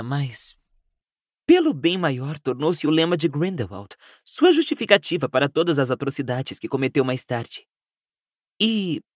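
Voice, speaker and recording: A man's voice: on the high side, no echo, studio quality, pitched above the performer's own voice. A man voicing an earnest teenage witch girl. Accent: Brazilian Portuguese. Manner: pleading, explaining patiently. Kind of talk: audiobook character voice.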